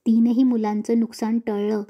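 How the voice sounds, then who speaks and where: A woman voicing a calm elder man of the household who tries to keep the peace. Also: a little high, normal speed, dull audio, close to an everyday voice. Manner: calm, placating.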